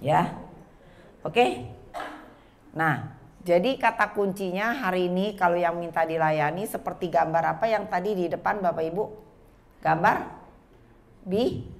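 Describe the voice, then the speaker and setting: Woman preacher, 40s, lively testimony sermon, talks right to the congregation. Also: lowish voice. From Indonesia. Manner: lively, addresses the congregation directly. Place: church.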